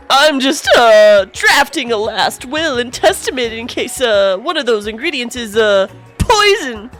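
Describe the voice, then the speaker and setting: A brash, sarcastic young male student, as a woman puts him on, loud and drawling with a mocking edge. She reads the game lines slowly over faint music. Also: on the high side, heavily acted. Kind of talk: reading game dialogue aloud.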